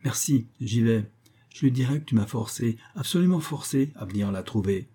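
A man's voice: mid-range voice, lively intonation, moderate pace, dark tone, slightly rough. A man reading aloud and voicing a timid young man who speaks in a hesitant, apologetic way.

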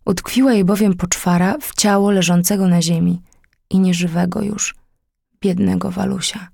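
A woman narrating an old tale as an audiobook, in a measured, dramatic storytelling manner. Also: fairly low pitch, steady tone, gravelly, dark tone, no echo, clean studio sound.

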